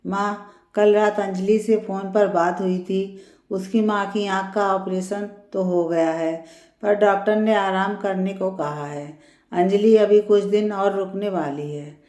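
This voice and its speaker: A woman voicing a tired, calm young married man who reasons gently in a storybook reading. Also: mid-range voice, a little slow, roomy sound, lightly acted.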